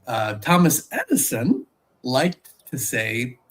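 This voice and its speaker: A man's voice: medium pitch, huge pitch swings, takes it slowly, a bit bright. A man co-hosting a podcast, explaining a topic in a laid-back way with many fillers. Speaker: podcast co-host. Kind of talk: casual chat.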